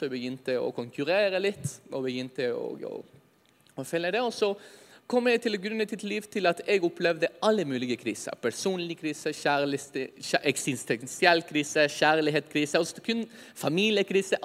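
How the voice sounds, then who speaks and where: A man giving a personal faith testimony as a lively storyteller who often laughs at himself. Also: on the high side. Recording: long hall reverb.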